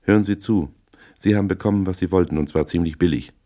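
A man voicing a shifty small-time male crook who answers gruffly and defensively. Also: sits low, quick pace, mellow, pitched above the performer's own voice, close to an everyday voice. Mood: surly. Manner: gruff, grumbling replies.

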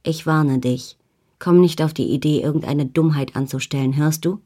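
A woman's voice: sits low, moderate pace, warm tone, slightly rough. A woman voicing a scheming, domineering man who leads a village, in an audiobook reading, menacing and mocking. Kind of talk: audiobook character voice.

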